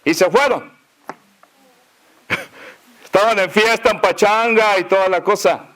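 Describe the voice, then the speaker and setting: A pastor with a northern Mexican accent telling a story in a sermon, folksy and chuckling, with many fillers. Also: male voice, high voice, slow, fairly bright tone.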